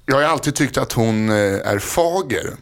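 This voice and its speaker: A man's voice: mid-range voice, expressive. A man in his thirties co-hosting a podcast, chatting casually with a joking, rambling, self-mocking manner. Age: 30s. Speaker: podcast co-host.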